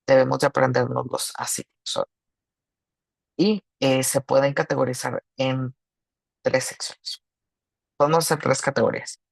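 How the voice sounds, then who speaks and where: A man's voice: mid-range voice, steady tone, creaky, dry recording, rough recording. A man teaching an online grammar lesson, explaining patiently in two languages with small restarts. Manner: slow and patient, switching between Spanish and English, with restarts. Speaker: English teacher.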